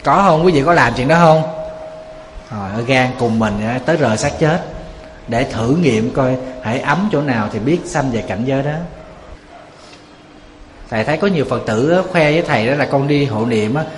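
A monk gives a conversational sermon at a mid pitch, often quizzing his audience. His voice reverberates through a large temple hall, with a faint hum of ambience behind. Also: expressive, normal speed. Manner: conversational, asks the audience rhetorical questions. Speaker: Buddhist monk. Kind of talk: Buddhist sermon.

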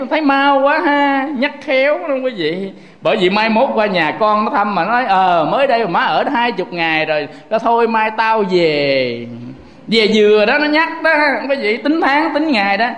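A man gives a Buddhist sermon, telling lively stories and often turning to address his audience. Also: high-pitched. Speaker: Buddhist preacher. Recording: echoey hall with long reverb.

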